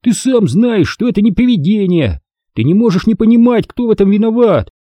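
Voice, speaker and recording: A man's voice: sits high, animated, brisk, dark tone, no echo, voice pushed up. A man reading an audiobook who voices an exasperated 12-year-old boy, the older brother, in impatient, scolding outbursts.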